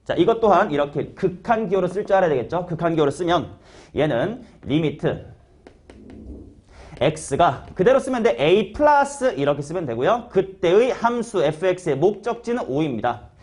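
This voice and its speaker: A male math teacher lectures his class in a casual, slangy way, repeatedly putting questions to students by name. His high, darkish voice swings widely in pitch as he explains. He is very animated and keeps a moderate pace.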